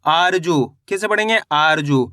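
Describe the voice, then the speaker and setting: A man's voice: a little high, unhurried, bright, forceful tone, no room sound, studio quality. A man teaching beginners to read Hindi, sounding out each syllable and then blending them into a word, asking himself how to read it and answering, and calling his viewers friends. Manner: asks and answers his own questions. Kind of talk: slow, step-by-step spelling lesson.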